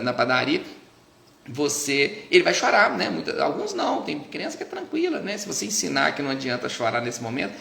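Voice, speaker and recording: A man's voice: mid-range voice, vocal fry, sharp tone, a little hiss or hum. A man with a Brazilian Portuguese accent, a pediatrician giving casual advice to parents in a chatty way, with many tag questions and restarts. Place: doctor's office. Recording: echoey room.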